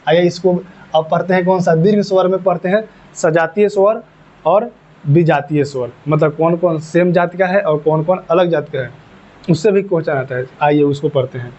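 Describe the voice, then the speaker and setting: A male teacher explains a lesson in a slightly high voice, going over each point more than once. He asks questions and answers them himself. The recording sounds muffled and lo-fi. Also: normal speed, darkish tone. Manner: repetitive, explains step by step, asks and answers his own questions. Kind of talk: classroom lesson. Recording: dull lo-fi recording.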